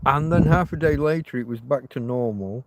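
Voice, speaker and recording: With no echo in the recording, a medium-pitched man speaks at a moderate pace as he hosts a rambling live stream. He chats loosely with viewers and restarts often, coughing slightly because of a tickle in his throat.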